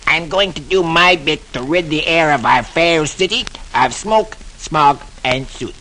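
A man's voice: fairly high pitch, unhurried, noisy background, natural voice. A man voicing a boastful male cartoon duck, reading a comic strip aloud in old-time radio style.

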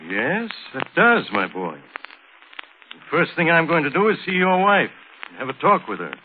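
An actor playing a steady, fatherly defence attorney, calm and questioning, in 1940s radio drama style. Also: on the high side, moderate pace. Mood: calm, probing. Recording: tinny, noisy old radio.

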